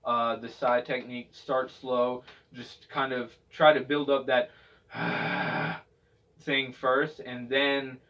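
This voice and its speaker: A man teaches in a loose, casual tutorial style, with a mid-pitched voice. He rambles a little, hesitating and circling back over his phrases. The recording is dull and he sounds some way from the microphone. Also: little pitch movement, slow, few pauses, fairly bright tone, distant mic. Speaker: vocal technique instructor.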